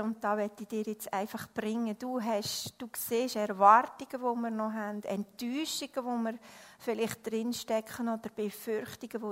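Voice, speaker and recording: A woman preaching a sermon earnestly, moving from loud emphasis to hushed words, then praying. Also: fairly high pitch. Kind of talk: sermon with story reading and prayer.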